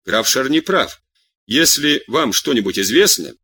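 A man's voice: medium pitch, big pitch swings, unhurried, sharp tone, breathy edge, full character voice. A man voicing a kindly, good-natured princess.

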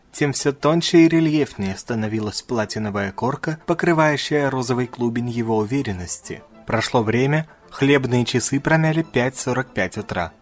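A man narrating an audiobook in a steady, even literary reading. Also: mid-range voice.

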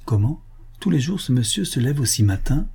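A man reading the part of a reserved young widow, asking careful, polite questions in a measured way. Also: mid-range voice, sing-song, vocal fry, dark tone, husky, exaggerated voice. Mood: inquisitive.

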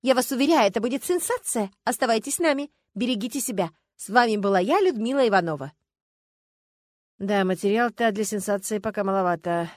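A woman's voice: medium pitch, animated, a little fast, no room sound, studio quality, lightly acted. A woman voicing an eager, theatrical woman TV journalist with showy presenter patter in an audiobook. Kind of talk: audiobook character voice.

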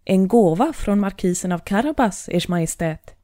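A woman's voice: medium pitch, animated, dark tone, no echo, clean studio sound, natural voice. A woman voicing a clever, scheming male cat in boots, purring and persuasive in a storybook reading. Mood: sly.

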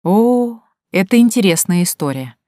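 A woman's voice: mid-range voice, expressive, moderate pace, dark tone, no room sound, studio quality, natural voice. A woman voicing a mocking sly sorcerer man.

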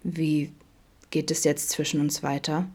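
Woman voicing a hushed love-struck young man. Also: sits low, little pitch movement, unhurried, slightly rough. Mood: quiet. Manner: quiet, hushed, at times whispered.

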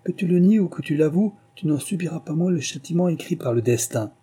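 A man's voice: medium pitch, normal speed, mellow, breathy edge, lightly acted. A man voicing a stern, unforgiving king who gives orders in a raised voice in an audiobook reading. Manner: commanding, raised voice.

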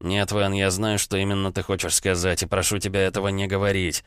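A man's voice: sits low, monotone, fairly quick, a bit bright, smooth, no room sound, studio quality. A man voicing a weary, stern young head of an assassins' guild in an audiobook, firm and tired.

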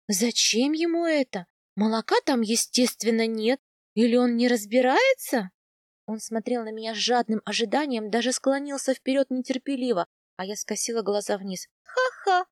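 A woman's voice: fairly high pitch, dry recording. Woman narrating an audiobook, dry sound. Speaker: audiobook reader. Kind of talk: first-person audiobook narration.

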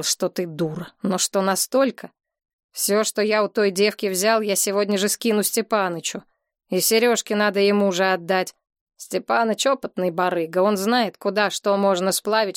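A woman voicing a surly, bossy young male thug in an audiobook, speaking curtly and gruffly. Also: mid-range voice, fairly even intonation, normal speed, no room sound, clean studio sound, natural voice. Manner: gruff, curt commands.

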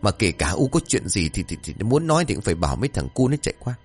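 A man voicing a short-tempered old village husband who scolds loudly. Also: medium pitch, animated, fast, husky, soft background music, pitched above the performer's own voice. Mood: angry scolding. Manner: scolding, loud.

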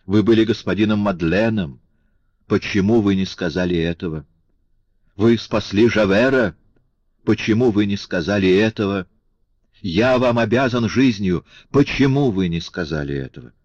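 A man's voice: lowish voice, normal speed, darkish tone, breathy edge, no room sound. A man reading an audiobook, voicing a passionate, grateful young man in a raised, exclaiming voice. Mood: indignant. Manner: impassioned, exclaiming, pleading. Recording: dull lo-fi audiobook recording.

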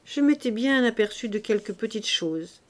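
An older country doctor and former navy surgeon in an audiobook novel, blunt and weathered but gentle underneath. He reassures in a measured, patient way, as a woman reading aloud puts him on. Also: fairly high pitch, lively intonation, lightly acted. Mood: reassuring. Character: older male doctor, gruff but kindly.

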